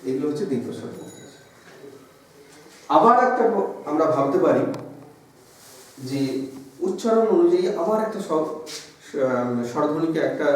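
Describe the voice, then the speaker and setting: A man teaching a grammar lesson, his voice a bit on the high side as he explains patiently and stretches out sounds to show how they work. He is heard from across a strongly echoing room, with faint noise in the background. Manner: explanatory, drawing out sounds to demonstrate. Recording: echoey room from far off.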